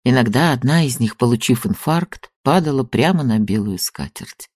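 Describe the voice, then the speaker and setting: A man narrating a literary audiobook in a calm, evenly paced reading voice. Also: medium pitch, moderate pace, dry recording, clean studio sound.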